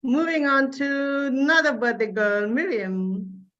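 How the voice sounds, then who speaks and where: A woman hosting an online group session, introducing speakers in a slow, encouraging way over a video call. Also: sits high, a bit bright, dull audio. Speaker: session host. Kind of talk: online group meeting moderation.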